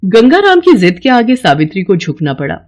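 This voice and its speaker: Brisk and mid-range in voice, a woman tells a scripted children's story with lively, expressive narration.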